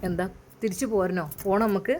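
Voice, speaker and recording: A woman voicing a caring, hurried young husband who speaks softly and coaxingly. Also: fairly even intonation, a little hiss or hum, lightly acted. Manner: soft, coaxing, lowered voice.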